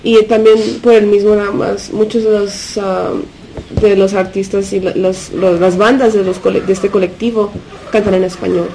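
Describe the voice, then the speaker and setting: A U.S. woman whose native language is Spanish speaks unscripted as a radio interview guest from a punk collective, halting and searching for words while slipping in English fillers. Her medium-pitched voice is level and dark, and the rough recording has a little hiss or hum.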